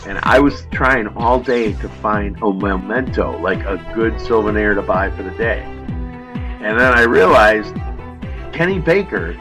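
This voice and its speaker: A man's voice: lowish voice, expressive, a little slow, over music. A man telling long, rambling anecdotes in casual chat as a podcast co-host, laughing at his own jokes.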